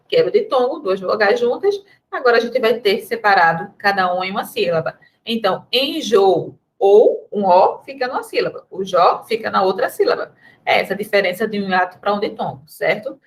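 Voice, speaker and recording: A woman's voice: medium pitch, fairly bright tone. Brazilian lady teacher going over spelling rules, chatty, talks right to the students. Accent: Brazilian Portuguese. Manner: chatty, addresses students directly, reads comic asides aloud. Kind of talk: recorded grammar lesson.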